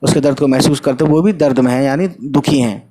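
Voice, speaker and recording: A man's voice: medium pitch, warm tone. A man teaching an Urdu textbook lesson. He reads a line, explains it in simple words with some English mixed in, and checks in with his students.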